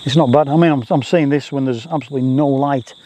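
A man's voice: mid-range voice, fairly even intonation, quick pace. A man giving chatty, self-deprecating, casual vlog commentary outdoors, often repeating his phrases. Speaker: landscape photographer, vlogger. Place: outdoors on a grassy rural roadside. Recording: faint outdoor noise with insects.

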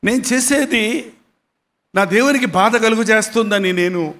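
Male pastor, high voice, dramatic emotional preaching, long hall echo. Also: a little slow. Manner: dramatic, emotional preaching with big swings in loudness. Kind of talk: sermon with storytelling.

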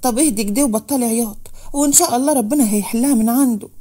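A woman voicing a steady young woman who firmly comforts her friend. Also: a little high, very fast, husky. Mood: soothing.

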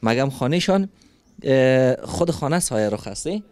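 A man, hosting a street interview with working children and asking them questions in a gentle, coaxing, soothing way full of endearments. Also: mid-range voice, animated, clear, resonant tone, no echo. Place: street outdoors.

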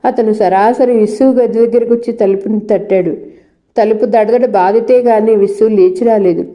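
A woman storyteller reading a novel aloud in steady, scripted narration. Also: fairly high pitch, moderate pace.

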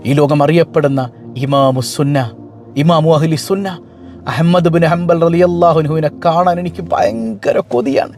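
A man's voice: on the high side, fairly even intonation, moderate pace, darkish tone, soft background music, natural voice. A man voicing a humble, devout male bread seller who speaks in an earnest, pleading way.

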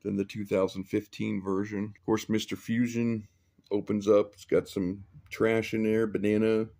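Low-voiced man casually showing his builds. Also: normal speed. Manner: relaxed and rambling, with fillers and small chuckles. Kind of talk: casual show-and-tell chat. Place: indoor hobby room, filming his own builds.

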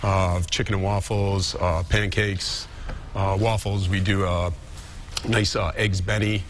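A lower-pitched man in his forties, talking through a cooking demo on a TV studio kitchen set. He explains each step plainly, pausing often on fillers, into a lapel mic with a faint hum of studio ambience behind him. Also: flat delivery. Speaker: chef and restaurant owner. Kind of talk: cooking demonstration on a TV show.

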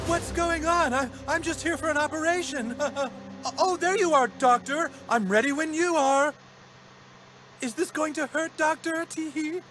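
Nervous, very high-pitched cartoon man. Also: a little slow. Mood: coy, nervous. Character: nervous middle-aged cartoon man posing as a woman patient. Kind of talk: cartoon video game acting. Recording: loud music over the voice.

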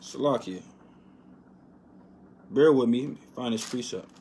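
A man giving an informal Bible lesson, reading verses slowly and with emphasis, then dropping to a quiet "man" or "right?" after each point. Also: medium pitch, a little hiss or hum. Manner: reads verses slowly and loudly, tags lines with "right?" and "man". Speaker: bible teacher. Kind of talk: informal scripture teaching.

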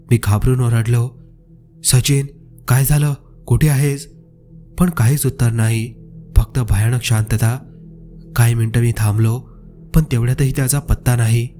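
A man tells a scripted horror story in a steady, suspenseful way. His voice is mellow and dark, at a middle pitch. Faint music plays beneath him. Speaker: narrator. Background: faint background music.

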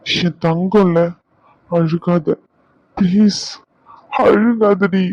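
A man's voice: on the high side, steady tone, unhurried, no room sound. A man, pleading and comforting his wife in a couple vlog, repeating himself. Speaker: husband, vlogger. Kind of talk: emotional couple vlog talk. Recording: dull lo-fi recording.

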